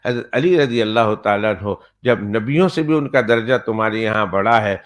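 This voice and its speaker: Emphatic male preacher asking rhetorical questions. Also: fairly low pitch. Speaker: Islamic cleric. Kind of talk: storytelling sermon.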